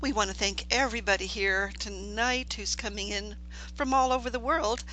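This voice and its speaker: A woman's voice: medium pitch, steady tone, moderate pace, pushed and bright, slight background noise, rough recording. A woman hosting a live radio talk show and introducing and questioning a guest. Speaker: paranormal talk show host.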